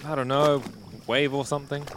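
A man's voice: medium pitch, level tone, a little fast, heavy background noise, natural voice. A man playing a joking, tipsy teenage boyfriend in a radio drama.

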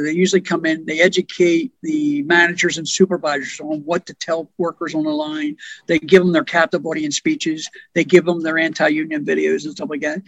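A man's voice: on the high side, fairly bright tone, no echo, dull audio. A man, a union organizing director, talking plainly in a podcast conversation and telling stories with asides.

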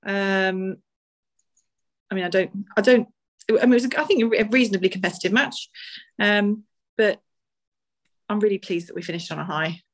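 A woman chats through sport as a podcast co-host. Her delivery is conversational and rambling, feeling its way through each thought at a medium pitch. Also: normal speed, long pauses. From Essex, England. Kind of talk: casual sports discussion.

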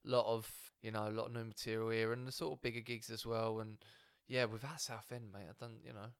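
A man's voice: fairly low pitch, flat delivery, quick pace, smooth, no room sound, clean studio sound. A man from Essex with an Essex accent, a stand-up comic chatting casually on a podcast in a rambling, matey, sweary way. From Essex, England. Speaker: stand-up comedian, podcast guest.

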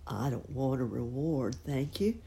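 A woman voicing a gentle, humble male pig who thinks he is ugly, speaking modestly and plainly. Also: very deep voice, animated, a little slow, gravelly, a little hiss or hum, heavily acted.

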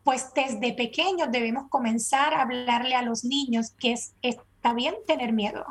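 Earnest woman explaining, higher voice. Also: steady tone, moderate pace, breathy edge. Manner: earnest, repeats steps with frequent "¿verdad?". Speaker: guest expert. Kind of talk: explanatory interview talk.

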